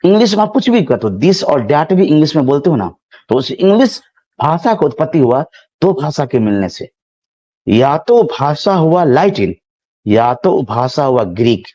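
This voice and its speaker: Very animated, warm and fairly high-pitched, this biology teacher lectures at normal speed, speaking a touch. He goes over points repeatedly, draws on everyday examples and addresses the class as children.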